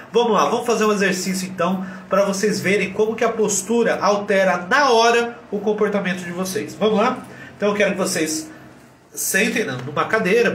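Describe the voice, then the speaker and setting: A man with a Brazilian Portuguese accent, a doctor teaching a live lesson on depression with energetic, direct and blunt coaching. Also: high-pitched, a little hiss or hum. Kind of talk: live motivational lesson to viewers. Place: warm room with an air cooler running. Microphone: camera set back from him. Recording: roomy echo, voice from a distance.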